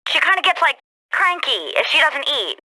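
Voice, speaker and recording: A chirpy, pushy celebrity assistant. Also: female voice, high voice, very animated, normal speed, sharp tone, dry recording, heavily acted, rough recording. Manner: bubbly valley-girl talk, full of "like" and "super". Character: perky, pushy young female celebrity assistant. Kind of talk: video game voice acting.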